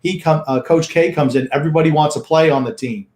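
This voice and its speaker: A man's voice: on the high side, fast, a little mellow, echoey room. An older man co-hosting a sports talk show, blunt and grumpy with dismissive opinions. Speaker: co-host.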